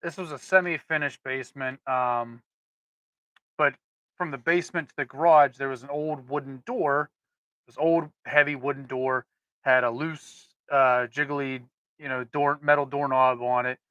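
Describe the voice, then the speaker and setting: A man co-hosting a loose podcast chat, winding through his stories with plenty of restarts. His voice is bright and forward. The sound is dry and close. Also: mid-range voice, steady tone, measured pace, dry recording, dull audio. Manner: storytelling, rambling with restarts. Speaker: podcast co-host. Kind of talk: casual chat.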